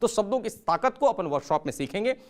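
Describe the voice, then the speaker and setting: Man, high voice, communication trainer, motivational talk, dramatic storytelling, swings from soft to loud. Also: lively intonation, fast. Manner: dramatic storytelling with sharp shifts in loudness and pitch; addresses viewers as friends, mixes English words into Hindi.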